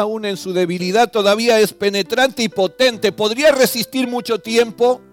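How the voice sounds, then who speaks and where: High-voiced man preaching over soft guitar. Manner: earnest, addresses listener directly with questions; swells loud on key phrases, drops soft at line ends. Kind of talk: guided devotional meditation. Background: soft guitar music.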